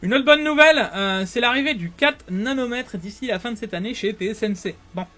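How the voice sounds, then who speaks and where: High-pitched man, animated co-host of a casual tech news chat. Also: a little fast. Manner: animated, questioning, many fillers.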